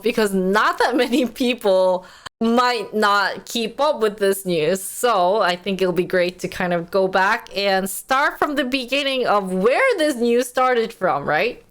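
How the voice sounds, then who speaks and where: A woman's voice: on the high side, lively intonation, a little slow, fairly bright tone. A young woman YouTuber explaining a news story in casual, chatty commentary, playfully acting out the quotes. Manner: chatty, playful, acts out quotes in funny voices.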